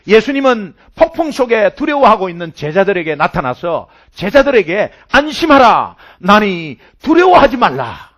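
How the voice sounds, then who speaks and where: Emphatic Korean preacher with lively pitch. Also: male voice. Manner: emphatic preaching, repeating key words, swinging between loud and soft. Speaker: pastor. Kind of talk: sermon.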